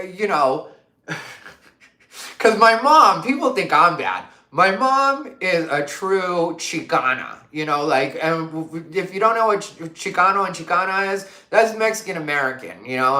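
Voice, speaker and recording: Low-pitched yet bright and forceful, this woman's voice is expressive as she moves at a moderate pace through her casual livestream chat. The host, from Arizona, reads comments and fires off emphatic rhetorical questions thick with fillers, all in a reverberant space.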